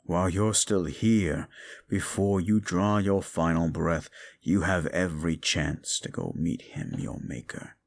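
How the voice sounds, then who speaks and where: A man plays a brooding, scornful fallen demon in an audio roleplay, using a deep, gravelly voice and talking slowly.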